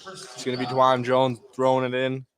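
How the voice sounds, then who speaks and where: In a monotone, mid-range voice at normal speed, a radio announcer gives a clipped, terse running call of an indoor high school basketball game. The gym's background noise is clearly audible.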